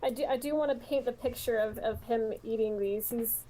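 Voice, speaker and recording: A woman's voice: a little high, fairly quick, dark tone, a little hiss or hum, poor audio. A woman playing in a tabletop game, describing her character at length with giggles. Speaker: player. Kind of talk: casual tabletop play.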